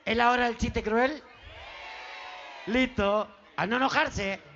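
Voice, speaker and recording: A man's voice: extremely high pitch, slow pace, creaky, bright, forceful tone, lo-fi sound, a faint crowd, slight background noise. A man with an Argentine accent doing crude, teasing stand-up on an outdoor festival stage, laughing at his own jokes. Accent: Argentine Spanish. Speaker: stand-up comedian. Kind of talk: live stand-up joke telling.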